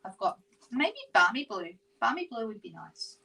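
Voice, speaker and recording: A woman's voice: mid-range voice, sing-song, moderate pace, gravelly, pushed and bright, breathy edge, poor audio. A middle-aged Australian woman hosting a live papercraft stream, chatting casually and reading out viewer comments as she works. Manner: chatty, reads out viewer comments, self-correcting. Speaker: craft livestream host. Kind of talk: casual live craft demonstration.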